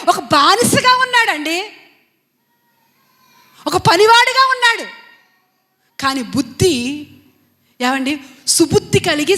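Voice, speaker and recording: A woman preacher with a very high, bright and forceful voice delivers a Sunday sermon in a church hall. She presses her points by repeating phrases and asking the congregation question after question. Her voice rings with a long hall reverb. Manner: emphatic, repetitive, rhetorical questions to the congregation.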